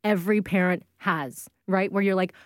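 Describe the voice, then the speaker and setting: A woman in her thirties with a mid-range voice, co-hosting a podcast and telling stories with animated energy. She acts out little voices along the way. The sound is dry and close to the mic. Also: medium pitch, moderate pace, dry recording. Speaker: podcast co-host. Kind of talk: casual chat.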